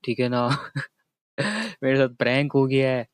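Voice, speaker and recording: A man's voice: mid-range voice, monotone, a little slow, clean tone, no room sound. Chatty young man from Karachi. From Karachi, Pakistan. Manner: chatty, tags lines with a repeated check-in filler. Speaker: vlogger. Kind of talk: casual storytelling to camera.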